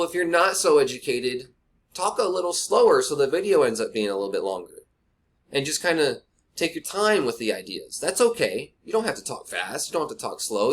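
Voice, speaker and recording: A man's voice: medium pitch, fairly bright tone. A man giving a blunt, rambling screen-recorded marketing tutorial, talking straight to the viewer through a cheap webcam mic at his computer desk. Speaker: online marketing instructor.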